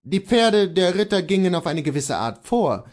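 A man's voice: very animated, normal speed, darkish tone. A man voicing a stern probing horse master. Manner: questioning, firm, raised pitch.

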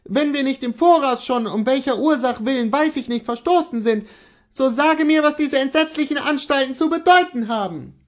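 A man voicing a distraught young wife in a classic story, frightened and pleading in a high, breaking voice. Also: expressive, moderate pace. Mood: anxious pleading. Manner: shrill, high, breaking with alarm.

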